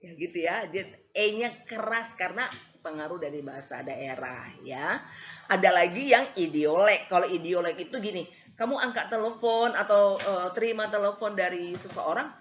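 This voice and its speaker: A woman's voice: on the low side, animated, moderate pace. A woman lecturer giving a casual classroom lecture, hesitating with many fillers and acting out examples. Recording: slightly dull lo-fi recording.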